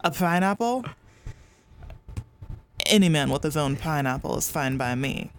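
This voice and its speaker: This is a blustering old country father voiced by a woman. He grumbles in a low, subdued, folksy drawl. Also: expressive, unhurried, a little hiss or hum. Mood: gruff. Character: gruff older rustic patriarch, blustering father.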